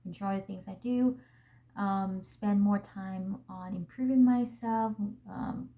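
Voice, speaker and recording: With a mid-range voice and a steady tone, this young vlog host takes things slowly as she speaks to the camera. She's a native Vietnamese speaker with a Vietnamese accent, and her manner is gentle, earnest and reflective.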